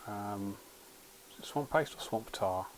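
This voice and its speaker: A man's voice: fairly low pitch, a little slow, slight background noise, rough recording. A man hosting a livestream, chatting casually while he plays a game, rambling and often restarting his sentences. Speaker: livestream host.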